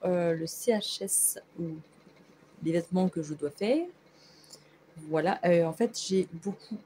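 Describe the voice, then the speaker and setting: A woman's voice: mid-range voice, dark tone, a little hiss or hum. A woman vlogging at home in the evening, chatty and rambling with fillers. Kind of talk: casual vlog.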